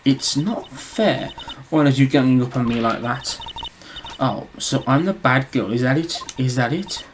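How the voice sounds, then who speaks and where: A man's voice: medium pitch, lively intonation, unhurried, noisy background, lightly acted. A man putting on a sassy, coy young woman. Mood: whiny.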